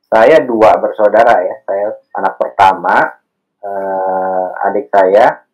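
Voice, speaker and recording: Soft-spoken low-voiced man. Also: little pitch movement, dull audio. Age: 30s. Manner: unhurried, thoughtful, many fillers. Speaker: podcast guest, alumni candidate. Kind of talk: casual interview chat.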